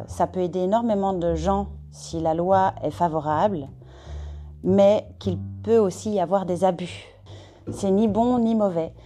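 A woman from Belgium speaks in a mellow, fairly low voice, hesitant and careful, filling her pauses with soft fillers. Faint music plays quietly behind her. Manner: hesitant, weighing words with many fillers. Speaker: discussion participant. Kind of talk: casual discussion.

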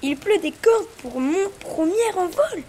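A woman's voice: very high voice, expressive, measured pace, dark tone. A woman voicing an eager, determined young male eagle in a storybook, spirited and exclaiming. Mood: indignant. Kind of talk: storybook voice acting.

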